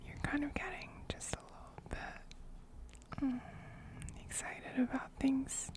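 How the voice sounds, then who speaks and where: A woman livestreamer whispers close ASMR right into the listener's ear in a high-pitched voice at a slow pace. She's coy and teasing as she talks to her chat, recorded on a close microphone.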